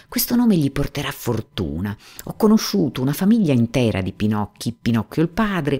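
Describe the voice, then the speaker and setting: A woman's voice: very deep voice, warm tone, slightly rough, heavily acted. A woman reading aloud and voicing an old male woodcarver who mutters and grumbles to himself. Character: old male woodcarver, gruff but tender-hearted.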